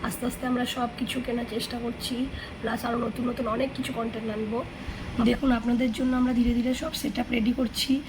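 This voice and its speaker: A woman with a Bengali accent, hoarse from a cold, talking casually to viewers in a family vlog and coaching a child through yoga. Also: fairly high pitch, flat delivery, brisk, background noise. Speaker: family vlogger.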